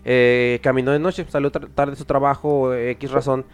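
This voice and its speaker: Halting Mexican man, smooth clear voice. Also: medium pitch, flat delivery. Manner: halting, many filler words and restarts. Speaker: podcast host. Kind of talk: casual storytelling chat.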